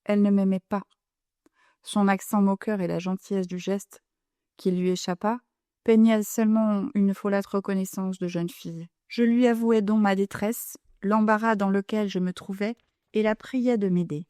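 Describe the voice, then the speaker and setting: A woman narrating an audiobook in a measured, composed voice with a mellow, darker tone. The recording is dry and close to the mic, with no room sound. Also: mid-range voice, steady tone, clean tone, no echo. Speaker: audiobook reader. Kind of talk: audiobook narration of a classic novel.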